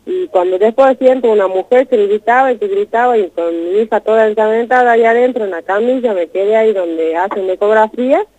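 A woman with a slightly high, dark-toned voice speaks a little fast with hardly any pauses and no room sound. On a dull lo-fi radio broadcast, she rushes through an emotional first-person account of a distressing experience, repeating herself urgently.

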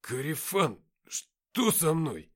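A man voicing a young male writer, scared and then hostile, in a loud, strained, higher voice. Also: very animated, unhurried. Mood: groggy.

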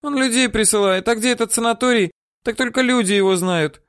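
A man's voice: extremely high pitch, a little fast, a bit bright, no echo, studio quality, pitched above the performer's own voice. A man voicing a frightened, whimpering woman for an audiobook, her voice whiny, squealing and pleading. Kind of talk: audiobook character voice.

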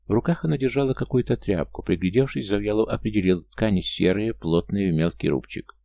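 A man reading an audiobook as narrator in a steady, measured storytelling voice. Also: on the low side, gravelly, dry recording. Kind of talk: scripted narration.

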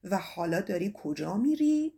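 A woman reading an audiobook voices a compassionate male lion, who asks gently and plainly. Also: mid-range voice, very animated, pitched below the performer's own voice. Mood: kindly.

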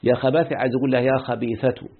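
A man's voice: medium pitch, level tone, racing, breathy edge. A man with an Egyptian accent teaching an Arabic grammar lesson and often quizzing his students. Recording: muffled phone-like lo-fi audio.

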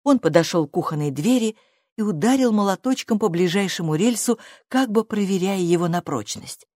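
A woman reading a children's storybook aloud in a steady, scripted narration with a mid-range voice. The recording is dry and close, with no room sound. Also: medium pitch, normal speed, dry recording.

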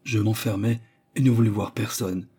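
A man narrating a literary short story as an audiobook reader, in a measured storytelling delivery. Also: fairly low pitch, steady tone, warm tone, slightly rough.

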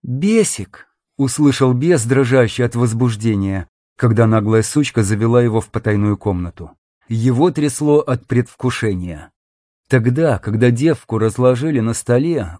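A man narrating an audiobook in a steady, even storytelling manner. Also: medium pitch, no room sound, studio quality. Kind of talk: scripted narration.

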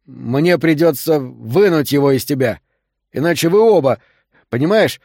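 Gruff male doctor under pressure, urgent commands, dry close sound, read by a male narrator. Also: fairly high pitch, expressive, normal speed, a little mellow, dry recording. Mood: coaxing. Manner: barking urgent orders. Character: male doctor forced into emergency surgery, gruff, bossy.

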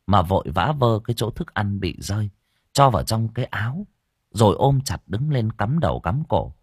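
A man narrates an audiobook, his pitch rising and falling widely as he tells the story dramatically. His voice is slightly husky and sounds dry and close. Soft music plays faintly underneath. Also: no echo.

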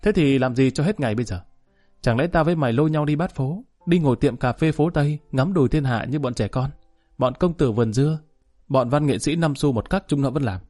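A man voicing a proud, stubborn male gang boss who talks quickly and dismissively. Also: mid-range voice, a little mellow, faint music behind, natural voice. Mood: defiant.

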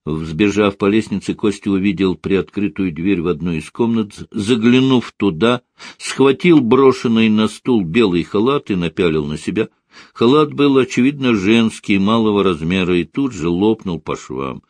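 Casting: male narrator for a prose audiobook, low voice, dry close recording. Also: moderate pace, a little mellow, dry recording. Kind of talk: scripted narration.

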